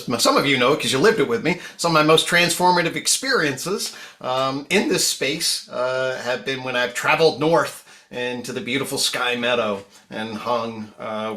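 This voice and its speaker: Brief: male panel moderator, loose and joking, with a bright, forceful tone. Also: medium pitch. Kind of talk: casual conference panel introduction.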